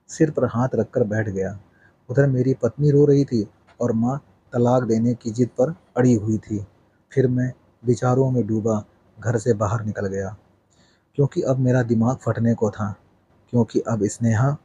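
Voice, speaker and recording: A man narrating a family story in the first person with a steady, even delivery. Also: mid-range voice, husky.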